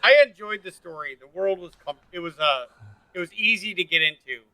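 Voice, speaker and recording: A man co-hosting a casual book podcast, blunt and quick to swear. His voice is very bright and fairly high, and he talks in loose, relaxed chat. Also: no echo, rough recording.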